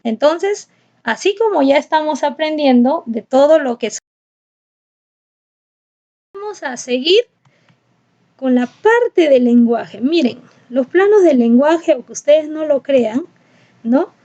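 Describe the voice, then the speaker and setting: A high-pitched woman teaches a class. She explains step by step, posing questions and answering them herself. The recording sounds dull and lo-fi. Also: lively intonation, slow, long pauses, dark tone. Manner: explanatory, asks and answers her own questions.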